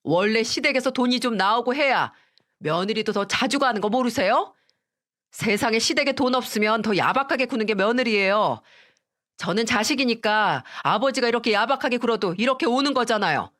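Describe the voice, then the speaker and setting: A woman's voice: fairly high pitch, lively intonation, normal speed, fairly bright tone, pitched above the performer's own voice. A woman voicing a resentful grown son who complains defensively to his father.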